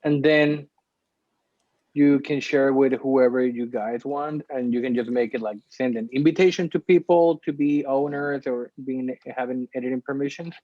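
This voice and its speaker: A workshop presenter walks through a tool step by step on a screen share, heard through a computer mic on a video call. His medium-pitched voice has a darkish tone, and he says "um" a lot. The audio is dull and dry.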